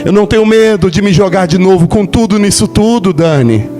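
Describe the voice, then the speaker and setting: A Brazilian man in his forties preaches with fervor, his voice sitting high and climbing further as his emotion swells. He speaks as a preacher sharing his own testimony at full intensity. Instrumental music plays clearly underneath. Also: lively intonation, fairly quick, warm tone. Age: 40s. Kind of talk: passionate sermon testimony.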